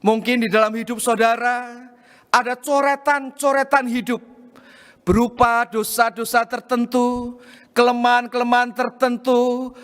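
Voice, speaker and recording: A man's voice: extremely high pitch, flat delivery, a little slow, a bit bright, clean tone. A man pastor telling a family story in a sermon, addressing the congregation directly and acting out the quoted lines. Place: church hall. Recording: reverberant church hall.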